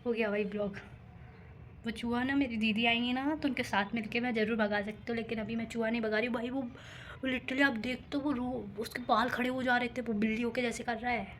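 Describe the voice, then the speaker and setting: A woman's voice: a little high, steady tone, a little fast, fairly bright tone, slight background noise. A young woman vlogging casually to camera, chattering nervously and rambling, laughing at herself, moving between a rooftop and a room at home. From India. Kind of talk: casual vlog talk to camera.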